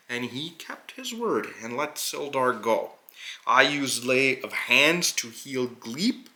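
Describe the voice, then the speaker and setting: A man voicing a noble, earnest hobgoblin adventurer who recounts a tabletop quest with deliberate, halting phrasing and dramatic pauses. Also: mid-range voice, pushed and bright. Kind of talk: in-character narration of a tabletop adventure.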